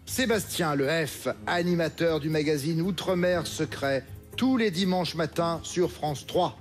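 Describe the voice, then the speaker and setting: A man hosting a TV quiz show in a studio, reading questions briskly and crisply. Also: on the high side, soft background music.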